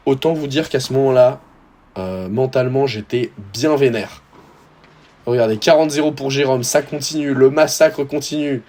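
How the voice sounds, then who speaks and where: A man's voice: medium pitch, a little mellow. A young man with a French accent giving casual, slangy voice-over commentary on his own tennis match, talking straight to his viewers.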